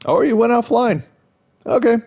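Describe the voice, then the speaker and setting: With a very high-pitched voice and some vocal fry, a young man streams his gameplay at a moderate pace, rambling casually to his chat and amusing himself. The recording is slightly dull, and faint game noise can be heard.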